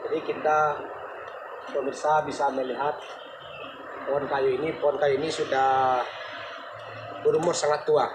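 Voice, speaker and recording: A man hosts a night ghost-hunting vlog, addressing viewers haltingly as he searches for words. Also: a little high, little pitch movement, distant mic. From West Sumatra, Indonesia. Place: on location at a campus at night. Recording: very echoey, clearly noisy location sound.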